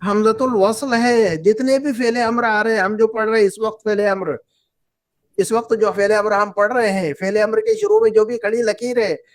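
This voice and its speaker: A woman's voice: mid-range voice, steady tone, normal speed. Woman teacher drilling a class. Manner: repetitive, drills students with questions. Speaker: Arabic teacher. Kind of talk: classroom lesson.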